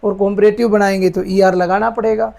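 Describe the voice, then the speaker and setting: A male English grammar teacher speaks in a high, gravelly, slightly mellow voice with little pitch movement. He explains patiently in steps, repeating sentences slowly word by word, and frequently asks his "beta" students whether they understand.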